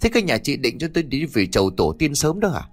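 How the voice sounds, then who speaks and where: Audio story: a man playing a loud, scolding old village exorcist with a lively voice. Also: medium pitch, fairly quick, lightly acted. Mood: bossy scolding. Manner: barking orders, scolding.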